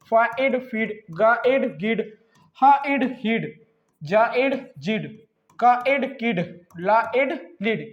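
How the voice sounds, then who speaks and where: A young man, unwell, teaching English reading from slides, who drills syllable blends slowly and talks fast between sets. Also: extremely high pitch, reverberant, dull audio. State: unwell, coughing. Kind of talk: slide-based phonics lesson.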